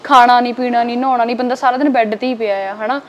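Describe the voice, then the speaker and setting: A woman's voice: on the high side, steady tone, highs cut off. A young woman from Punjab in India, speaking frankly as a guest in a casual interview and filling her talk with small tag words. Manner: quick, frank and plain-spoken, with many filler tags.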